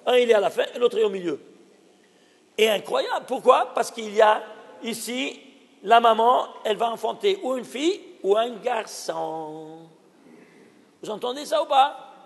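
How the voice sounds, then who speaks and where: Rabbi teaching a class: very high, husky voice, emphatic, keeps quizzing the room. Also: male voice, expressive, moderate pace, pauses often, long reverb tail. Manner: emphatic, fires rhetorical questions at listeners. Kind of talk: recorded Torah lesson.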